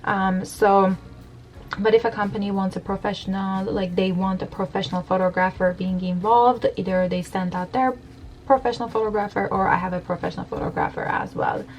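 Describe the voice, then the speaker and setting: A woman's voice: mid-range voice, steady tone, fairly quick, rough recording. A woman in her thirties from Iran, chatting candidly with many fillers as she does her makeup for a question-and-answer video, filmed in her bedroom at home by a camera on the desk. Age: 30s. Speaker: beauty blogger. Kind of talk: get-ready-with-me Q&A chat. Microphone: camera at desk distance.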